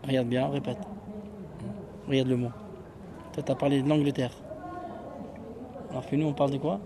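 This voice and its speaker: A man's voice: mid-range voice, flat delivery, background noise. Man teaching, quizzing his class. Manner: patient, quizzing students with quick questions. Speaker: Arabic teacher. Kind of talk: classroom lesson.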